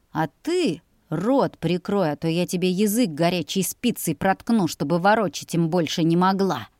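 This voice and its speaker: A woman's voice: on the low side, darkish tone, no room sound, clean studio sound. A woman voicing a crude, greedy teenage older brother who sneers and threatens. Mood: mocking. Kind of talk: audiobook character voice.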